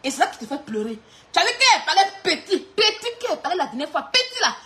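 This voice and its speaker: Woman, very high voice, swooping lively pitch, mocking clash rant. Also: fast talker. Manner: mocking, often laughing while talking. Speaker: online clash streamer.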